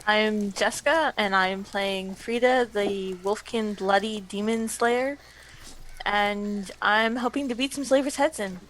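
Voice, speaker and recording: A woman's voice: medium pitch, a little slow, a bit bright, slight background noise, poor audio. A woman chatting casually as a player in a tabletop game, with a dry, joking manner.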